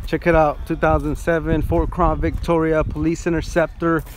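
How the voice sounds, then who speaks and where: A man live-streaming a vlog from an outdoor car auction, chatting excitedly with viewers and thanking them over and over. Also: fairly high pitch, moderate pace, a little hiss or hum. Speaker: vlogger.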